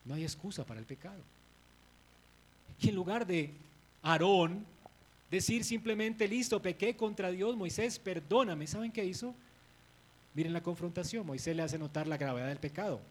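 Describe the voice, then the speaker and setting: A male pastor with a high-pitched voice preaches with a lot of energy. He acts out the biblical scenes and alternates between rhetorical questions and emphatic statements. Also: a little hiss or hum, poor audio. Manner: animated, dramatizes biblical scenes. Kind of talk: sermon.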